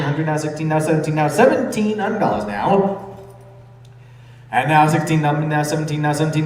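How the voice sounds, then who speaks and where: A man working as an auctioneer, calling bids loudly and urgently in a rapid, repetitive auction chant. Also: a little high. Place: large echoey auction hall. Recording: echoey hall, far from the mic.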